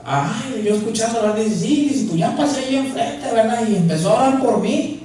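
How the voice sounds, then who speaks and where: A high-pitched man preaching in a church, acting out voices as he tells a story. He sounds a little away from the mic, in a very echoey sanctuary with faint background hiss. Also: a little fast, far from the mic. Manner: lively storytelling, acting out dialogue. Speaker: pastor. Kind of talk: sermon.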